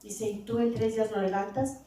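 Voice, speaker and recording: A woman's voice: fairly high pitch, little pitch movement, a little fast, mellow. Echoey woman preaching in a church. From Latin America. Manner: repeats "hermanos" and "verdad" constantly, rising to emphatic peaks. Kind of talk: sermon. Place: church hall. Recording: very echoey hall, mic from far off, faint noise.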